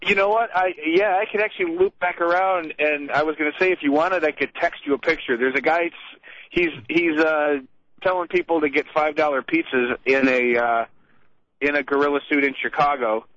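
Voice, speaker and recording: A man phones into a radio show, talking in a friendly, rambling way with a somewhat high voice. The call sounds dry and dull. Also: steady tone, normal speed, a bit bright, dry recording. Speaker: caller. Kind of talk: casual phone-in chat.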